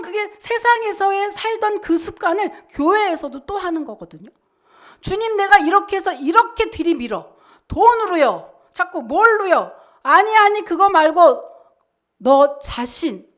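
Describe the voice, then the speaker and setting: Woman pastor preaching, high voice that swoops all over, chatty sermon style w lots of questions. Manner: animated, conversational preaching with rhetorical questions. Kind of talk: Sunday sermon.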